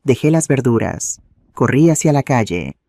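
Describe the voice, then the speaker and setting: A man's voice: medium pitch, big pitch swings, normal speed, creaky, mellow, no echo. Man narrating a dramatic family story. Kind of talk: scripted first-person story narration.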